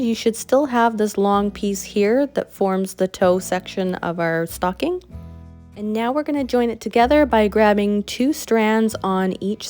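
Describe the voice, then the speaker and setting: A woman's voice: mid-range voice, a little mellow. Chatty Canadian woman teaching a craft. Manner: friendly, chatty step-by-step explaining. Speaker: craft instructor. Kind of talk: tutorial voice-over.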